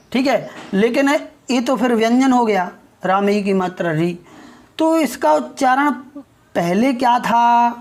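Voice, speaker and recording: A woman, teaching a pronunciation lesson. She talks very slowly, in a voice that sits a little high. She keeps checking in with her listeners and draws sounds out to demonstrate them. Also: darkish tone. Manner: slow and explanatory, often checks in with listeners; spells out and drawls sounds for demonstration.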